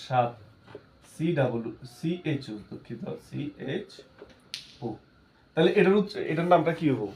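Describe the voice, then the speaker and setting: A man teaches a chemistry class. His voice sits fairly high, and he keeps asking the students questions and answering them himself. Faint noise hums behind him. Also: animated, measured pace, pauses often, darkish tone. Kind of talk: classroom lesson.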